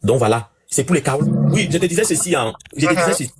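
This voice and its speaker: A man hosting a casual live stream, talking to his viewers in an animated rant with lots of repetition. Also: a little high, heavy background noise. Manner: rapid, animated ranting with repeated phrases.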